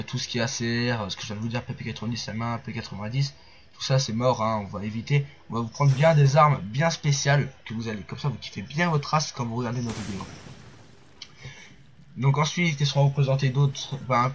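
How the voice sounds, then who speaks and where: Rambling French gameplay commentator. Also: male voice, mid-range voice, muffled recording, a little hiss or hum. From France. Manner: rambling, filler-heavy, restarts often.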